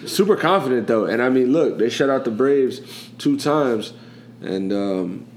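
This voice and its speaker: A man's voice: mid-range voice, lively intonation, a little slow. A man hosting a casual sports podcast, talking in a rambling, chatty way and often asking "you know what I'm saying.". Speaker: podcast host. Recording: echoey room, faint background noise.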